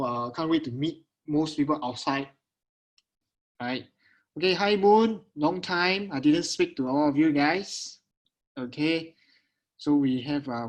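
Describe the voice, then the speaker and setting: Casting: Singaporean man as webinar host, slightly high voice, casual Singlish, repetitive check-ins with attendees. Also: a little slow, rough recording. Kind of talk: casual live webinar talk to online attendees. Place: at home on a video call.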